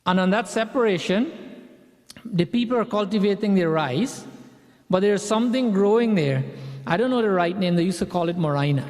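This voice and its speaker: A man from Guyana leads a satsang, preaching a conversational sermon filled with personal stories and frequent restarts. His voice sits high and is expressive and a little mellow, at a moderate pace, with a long reverb tail.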